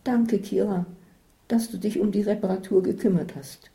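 A woman voicing a whiny, complaining woman on holiday, shrill and self-pitying. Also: steady tone, moderate pace, vocal fry, warm tone, lightly acted. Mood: subdued.

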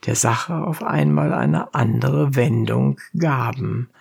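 Woman narrator, very slow, gravelly, measured, classic tale reading. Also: rumbling low, darkish tone. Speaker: audiobook narrator.

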